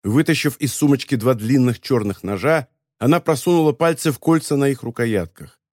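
A man's voice: mid-range voice, moderate pace, a little mellow, no room sound. Man narrating an audiobook, dry close sound. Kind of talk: scripted narration.

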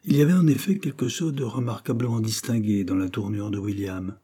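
Husky, low-voiced male audiobook narrator. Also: a little fast, dark tone. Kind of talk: scripted literary narration.

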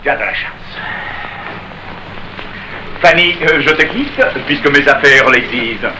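A man's voice: medium pitch, measured pace, natural voice. An actor playing a pompous older male suitor, blustering and drawling his insults in a theatrical stage manner. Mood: haughty. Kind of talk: 1930s stage-style radio acting. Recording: hissy old archive recording.

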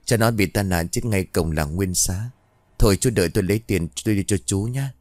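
A man's voice: low-pitched, a little fast, darkish tone, no echo, studio quality, lightly acted. A man voicing a grieving middle-aged mother in a told ghost story, speaking with sorrow.

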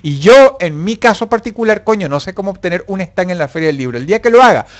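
A man's voice: high-pitched, very animated, fast. A young man hosting a casual live stream, reading viewer comments and answering them with profane, mock-angry jokes.

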